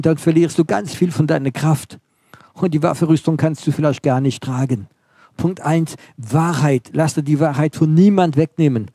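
A man preaching a sermon, emphatic, building on short repeated phrases and often dropping to a quiet, intense delivery. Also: on the high side, no room sound, clean studio sound.

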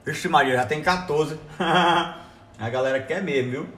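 A Brazilian man hosting a live stream from home by his computer, chatting in a casual, excitable way. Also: fairly high pitch, unhurried, roomy sound. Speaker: livestream host.

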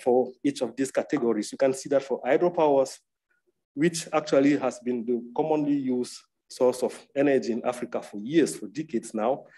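A man from Cameroon presents slides as the moderator of an academic panel, talking conversationally and often checking in with tag questions. His voice is dark and mellow, at a middle pitch. He is heard over a video call. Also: normal speed, husky, low-quality recording.

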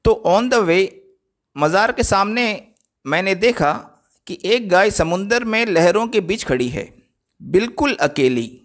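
High-voiced man narrating a travel vlog. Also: lively intonation, slow pace. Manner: explanatory, addresses viewers directly. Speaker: travel vlogger.

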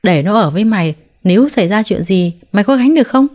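A woman voicing a harsh, domineering older mother-in-law who talks loud and scolding, with a mellow tone. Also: mid-range voice, a little fast, natural voice.

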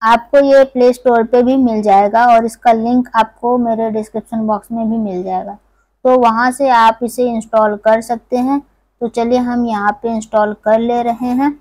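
A woman from India with a higher voice explains an app step by step in a steady, level tone. She speaks straight to her viewers in a casual way. The recording is dry and close, with no room sound. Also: no echo, poor audio. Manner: step-by-step, conversational, addresses viewers directly. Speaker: tech tutorial channel host. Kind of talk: screen-recorded app tutorial.

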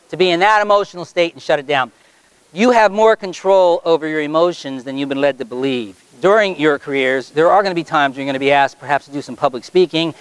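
A middle-aged man runs a hypnosis show in a school auditorium. His voice sits high, and the sound is dry and close. He chants rhythmic, insistent suggestions and then explains them calmly to the crowd. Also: clear, resonant tone, no echo. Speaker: stage hypnotist.

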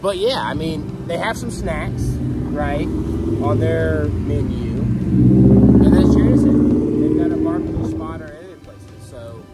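A man in his thirties hosting a casual brewery review outdoors, with an upbeat, relaxed rundown. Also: on the high side, slow pace, over loud music, rough recording. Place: outdoors by a parking lot.

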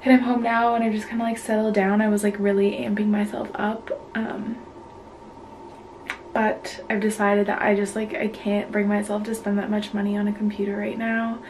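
A woman in her twenties talking to camera in a casual vlog, soft and low-key, often close to a whisper, stressed and anxious. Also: flat delivery, normal speed, noisy background. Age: 20s. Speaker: vlogger.

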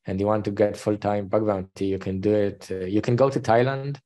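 A man's voice: lowish voice, fairly even intonation, a little fast, dark tone. A man with an Israeli accent, a panelist on a video call, explaining plainly and earnestly in casual chat. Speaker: panelist, bug bounty hunter.

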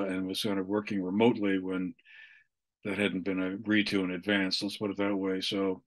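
A man in his sixties giving an unscripted election report over a video call, in halting, measured phrases. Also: fairly low pitch. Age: 60s. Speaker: local election correspondent. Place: small room at home, indoors. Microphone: video call on computer microphone.

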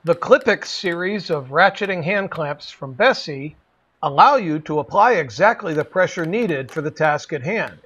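High-voiced male ad narrator. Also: a bit bright, breathy edge, dull audio. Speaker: product ad voice-over. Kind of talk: scripted ad narration.

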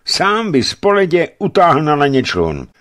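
A man voicing a coarse, grumbling fisherman foreman in a read-aloud story, with raised, louder delivery. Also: a little high, wildly swooping pitch, voice pushed up. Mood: coaxing. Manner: grumbling, swearing in folksy oaths. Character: gruff middle-aged male foreman, a coarse-mouthed fisherman.

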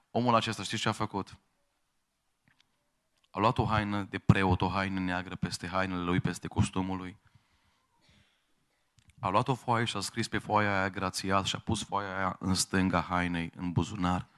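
Bright-voiced preaching man. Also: low-pitched, steady tone. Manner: preaching with sudden loud raised passages and quoted voices. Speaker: pastor. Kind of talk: sermon.

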